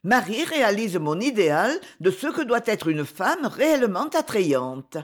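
A woman's voice: mid-range voice, very animated, a little slow. An intense, eccentric lady who pleads with fervour and lets her voice rise and fall freely, as a woman reads her part aloud. She speaks in an audiobook character voice. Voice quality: fervent, pleading delivery.

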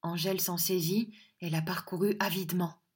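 A woman narrating a romantic novel in a measured, expressive audiobook reading. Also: on the low side, slightly rough.

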